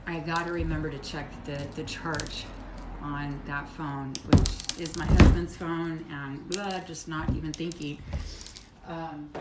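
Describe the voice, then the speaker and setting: Woman rambling in an echoey workshop. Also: fairly low pitch. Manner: chatty, rambling, talks while chewing and working. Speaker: soap maker streaming live. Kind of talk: casual live-stream chat while working. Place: home soap workshop. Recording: echoey room with clear background noise.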